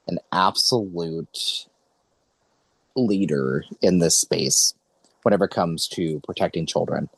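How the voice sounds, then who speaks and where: Young guy podcasting, lowish voice, earnest and rambly, dry close mic. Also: a little mellow, dry recording. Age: 20s. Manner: earnest, rambling, self-correcting. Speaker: podcast host. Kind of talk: casual podcast conversation.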